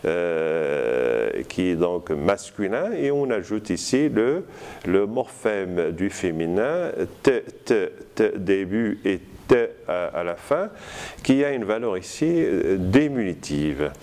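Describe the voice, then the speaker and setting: A man giving a university lecture, slow and deliberate, with many hesitations. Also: deep voice, very animated, darkish tone.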